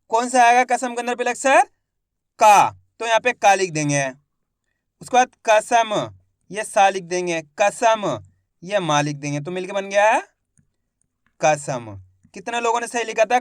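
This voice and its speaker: High-voiced man teaching Hindi reading. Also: clean tone, no room sound, studio quality. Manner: spells out words syllable by syllable, repeating each word; addresses viewers as friends, asks quiz questions. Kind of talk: step-by-step literacy lesson.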